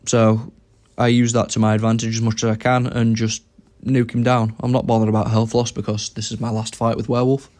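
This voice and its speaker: A man's voice: medium pitch, completely flat delivery, brisk, hardly any pauses, a little mellow. A young man giving casual commentary over his own game, thinking aloud about each move as he plays.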